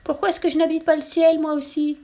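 A whining, sulky little pig from a storybook, as a woman reads him. His voice climbs high and pleads in a petulant wail. He grumbles that nobody loves him. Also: flat delivery, a little fast, warm tone. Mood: indignant. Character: greedy sulky little male pig, whiny.

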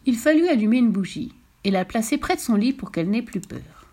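A woman reading a bedtime story aloud, her voice lively and full of movement as she goes. She tells it gently and expressively, as a storyteller for children. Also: fairly high pitch, brisk.

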